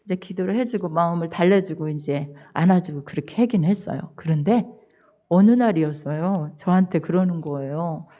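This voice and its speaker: An older woman pastor preaching a sermon, telling a family story in an animated, expressive way. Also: normal speed. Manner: animated, expressive storyteller with wide swings in pitch. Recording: dull lo-fi church recording.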